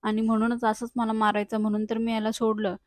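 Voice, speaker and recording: A woman's voice: fairly high pitch, completely flat delivery, fast, no room sound, lightly acted. A quarrelsome young woman hurling accusations and taunts, read out by a woman narrator, her voice staying in a narrow, level band. The recording is dry and close, with no room sound. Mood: defiant. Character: scheming defiant young woman, loud and insulting.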